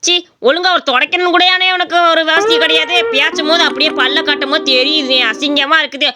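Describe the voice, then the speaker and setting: High quick woman, mocking cartoon voice. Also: steady tone. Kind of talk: cartoon voice acting, teasing sidekick.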